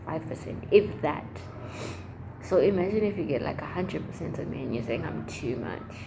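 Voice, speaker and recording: A young adult woman chatting casually as a vlogger, rambling and expressive, with emphatic, slangy phrasing. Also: sits low, normal speed, vocal fry. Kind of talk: casual chat to camera. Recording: noticeable background noise.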